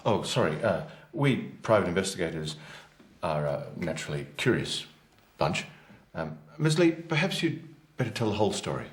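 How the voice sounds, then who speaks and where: A curious private investigator, asking his questions with plenty of ums and uhs. His voice sits low, yet it rises and falls sharply as he speaks. It comes from a scripted drama made for learners. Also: big pitch swings, moderate pace. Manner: hesitant, full of ums and uhs.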